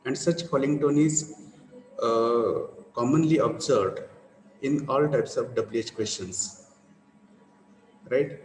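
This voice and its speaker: A man's voice: medium pitch, slow pace, long pauses, a little hiss or hum. Echoey male teacher lecturing a class. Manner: repetitive, asks for confirmation.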